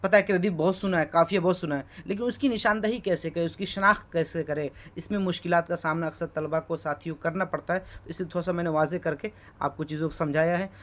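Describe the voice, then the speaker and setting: A man's voice: on the high side, quick pace, hardly any pauses, a bit bright. Man teaching, quizzing himself aloud. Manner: keeps asking rhetorical questions and checking with "okay"; spells words out letter by letter. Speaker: Urdu teacher. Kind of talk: exam-prep lesson explaining Urdu poetry.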